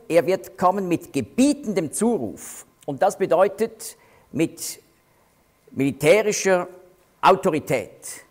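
A male Bible teacher works verse by verse, leaning hard on key words and slowing down to stress them. His voice sits fairly high and rises and falls a lot as he explains.

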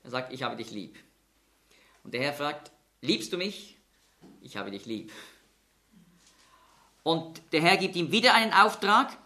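A man preaching a Bible-teaching sermon, explaining scripture in a measured way and slowing down to stress quoted words. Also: fairly high pitch, bright, forceful tone.

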